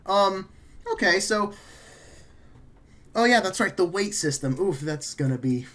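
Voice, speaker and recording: A man's voice: high-pitched, animated, unhurried, fairly bright tone. A man running a tabletop game as game master, casual and rambling, laughing often and correcting himself mid-sentence.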